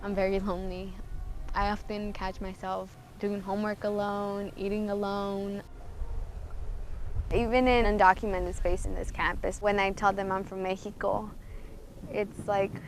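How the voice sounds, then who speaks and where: A woman's voice: medium pitch, faint music behind. A young woman from Oxnard, California speaking reflectively and evenly in a documentary interview. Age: young adult. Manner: reflective, even and measured. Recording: noisy documentary audio.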